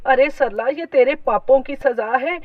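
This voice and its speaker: A woman voicing a fretful female friend in a cartoon story, talking in a hurried way. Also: high voice, dry recording, recorded from a distance, phone-quality sound. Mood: scolding. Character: nervous gossiping female friend.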